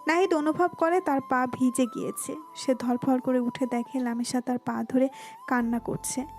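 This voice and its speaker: A woman with a Bengali accent giving smooth, even scripted narration of a romantic audio story. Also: high-pitched, normal speed, faint music behind.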